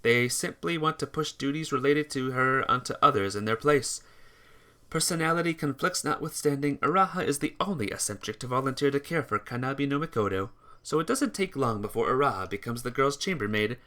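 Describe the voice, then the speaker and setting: Narrating a visual novel, a man gives an expressive, theatrical reading in a brisk, mid-range voice, occasionally stumbling over words.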